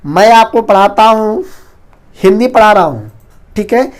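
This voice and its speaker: A man teaching an online exam-prep Hindi lesson, talking very fast and loudly and often calling the viewers his friends. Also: sits high, expressive. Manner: fast, rapid-fire delivery; loud, near-shouting teaching.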